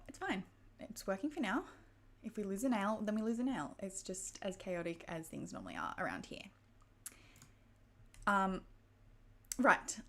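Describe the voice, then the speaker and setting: A woman hosting a casual book club livestream, out of breath and chatty, laughing often and a little frazzled. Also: medium pitch. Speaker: booktube livestream host. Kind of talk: casual live-stream chat.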